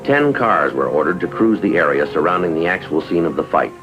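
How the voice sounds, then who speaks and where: An American man plays a stoic, businesslike police detective lieutenant who also narrates a 1950s drama, in a low, expressive, fairly quick voice. His delivery is clipped, matter-of-fact, flat and official, over a dull vintage TV soundtrack with music behind.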